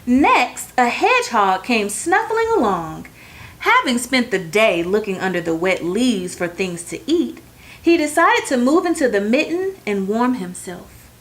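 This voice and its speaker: A woman reads a children's bedtime story aloud, her voice a little high, phrasing things expressively and deliberately for young listeners.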